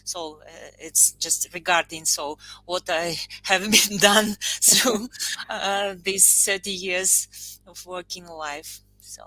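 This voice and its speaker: Slow, bright-voiced woman. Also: fairly low pitch, steady tone, low-quality recording. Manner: halting, many fillers. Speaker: panel guest. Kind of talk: casual remarks on a panel. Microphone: video call.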